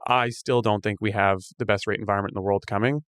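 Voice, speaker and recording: Canadian guy cohosting a podcast, talks fast, smooth clear voice, dry sound. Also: fairly low pitch, no room sound. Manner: fast, animated, thinking aloud. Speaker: podcast co-host. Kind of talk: casual chat.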